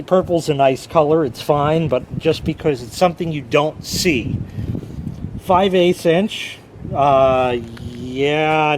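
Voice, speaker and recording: A man's voice: a little high, low-quality recording. An American man rambling casually, with a profane and opinionated manner, recorded outdoors. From United States. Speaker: vlogger. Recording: loud wind and traffic noise.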